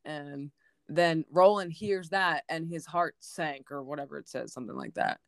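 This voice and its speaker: A woman's voice: sits low, very animated, normal speed, vocal fry, no echo, studio quality. A woman co-hosting an unscripted book podcast, chatting casually with frequent laughter. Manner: casual, laughs often, lots of fillers. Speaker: podcast co-host.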